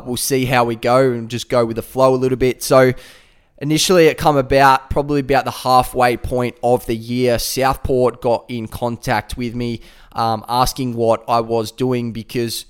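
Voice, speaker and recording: A young man from Adelaide with a South Australian accent, hosting his own podcast in a relaxed, rambling way with plenty of fillers. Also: mid-range voice, smooth. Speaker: podcast host. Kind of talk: casual solo podcast talk.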